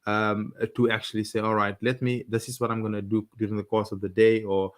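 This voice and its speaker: A man co-hosting a casual live chat about marriage with his wife, speaking in halting, restarting phrases and laughing often. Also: lowish voice, flat delivery. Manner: halting, many restarts, chuckling. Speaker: co-host of a couple's live talk.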